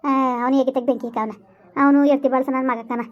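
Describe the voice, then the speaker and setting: A woman's voice: high voice, flat delivery, fast talker, muffled recording, natural voice. A woman playing a quarrelsome village woman. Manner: scolding, wailing, quarrelsome. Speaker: village skit actor. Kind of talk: rural comedy skit acting.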